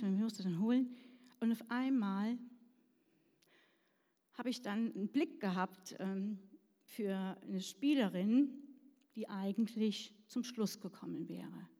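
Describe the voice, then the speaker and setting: Woman preacher, chatty storyteller, a bit high, reverberant church hall. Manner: chatty, self-deprecating, asks "ja?" to the audience. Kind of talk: sermon with personal story.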